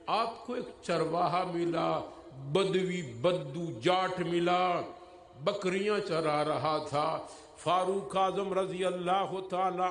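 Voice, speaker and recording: A man preaching a dramatic storytelling sermon at a religious gathering. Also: high-pitched. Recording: echoey hall with faint noise.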